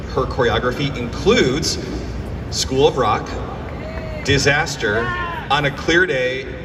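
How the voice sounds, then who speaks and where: Enthusiastic male host in an echoey theater. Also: mid-range voice. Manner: enthusiastic, gushing. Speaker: show host. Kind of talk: introducing a guest on stage. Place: theater stage. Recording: distant mic in a reverberant theater with noise.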